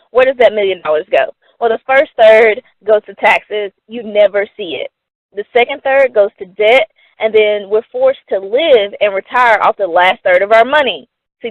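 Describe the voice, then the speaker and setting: A woman's voice: mid-range voice, no room sound. A young woman giving an upbeat, persuasive scripted sales presentation about money, answering her own questions. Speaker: company presenter. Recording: dry, phone-like narrow sound.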